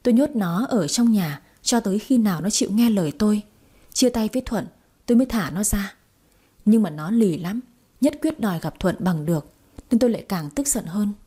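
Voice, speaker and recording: Dark husky woman reading a story. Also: mid-range voice, lively intonation, brisk. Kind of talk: scripted narration of a first-person story.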